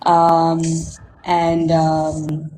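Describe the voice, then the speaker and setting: A forty-year-old Malaysian-accented woman, an interview guest and marketing technology consultant, informally introduces herself and recounts her career, addressing listeners and tagging statements with "right?". Her low voice is completely flat, extremely slow and a little mellow, in an echoey room with faint background noise.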